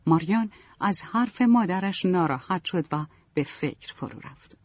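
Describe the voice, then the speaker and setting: Expressive woman reading a storybook. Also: lowish voice, no echo. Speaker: narrator. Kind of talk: storybook narration. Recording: dull, dry, lo-fi.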